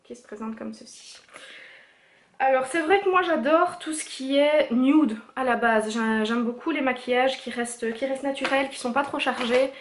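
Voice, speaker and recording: A young woman vlogger chats through her beauty haul at home, her voice a little on the high side. She talks casually with lots of little fillers and restarts, straight into the camera mic. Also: moderate pace, a little hiss or hum. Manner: chatty, many fillers and self-corrections.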